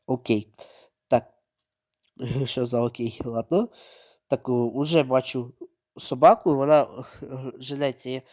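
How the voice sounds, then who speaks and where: A man giving running gameplay commentary, narrating his own moves, repeating words and breaking into sudden excited outbursts. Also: medium pitch, a little slow, pauses often. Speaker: mobile game streamer.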